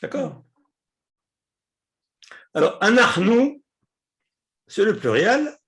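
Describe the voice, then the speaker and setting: A man teaching a class, explaining patiently, repeating words and pausing often with hesitations. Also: sits high, sing-song, fairly bright tone. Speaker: Hebrew teacher.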